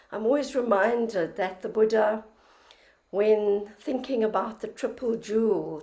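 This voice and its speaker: Slow, slightly croaky older woman teaching meditation. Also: medium pitch. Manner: gentle, measured, heartfelt. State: croaky from flu. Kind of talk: reflective dharma talk.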